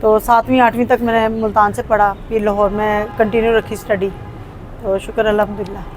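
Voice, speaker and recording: A woman from Pakistan with a Punjabi accent talks through her family history in a relaxed interview, often pausing and restarting her sentences. Her voice sits at a middling pitch. Faint traffic hums in the background of the outdoor city recording. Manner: hesitant, with frequent fillers and restarts. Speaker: interview guest. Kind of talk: casual conversational interview.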